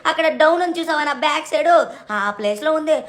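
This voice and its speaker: Brief: a cheeky, theatrical little cartoon boy, voiced by a woman, high-pitched, chattering and exclaiming. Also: lively intonation, racing. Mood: insistent. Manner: chatty, exclamatory, self-talking. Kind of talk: cartoon fan dub over gameplay.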